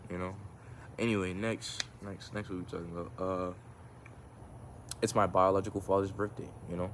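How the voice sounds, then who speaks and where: A man with a low-pitched voice records a casual phone-camera vlog outside in the sun, with slight background noise behind him. His talk to camera is reflective and meandering, packed with fillers and restarts, and can go flat and monotone.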